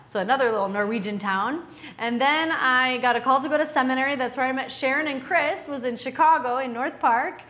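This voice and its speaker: A cheerful missionary from Wisconsin introduces herself to a church congregation, laughing often during the presentation. Her voice is high-pitched, a bit bright, and a little fast.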